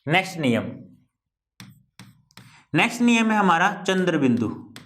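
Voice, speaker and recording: Male teacher, high voice, patient repetitive explaining, classroom-style lesson. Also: sing-song, a bit bright. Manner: repetitive, drawn-out explaining, addressing students as "beta".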